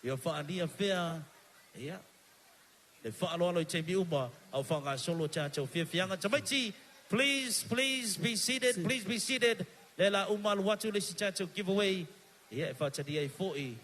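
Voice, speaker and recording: High, bright-voiced Samoan emcee. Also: male voice, moderate pace. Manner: energetic, calls out to the crowd, switches between Samoan and English. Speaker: master of ceremonies. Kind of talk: live stage emceeing. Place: stage at an evening show.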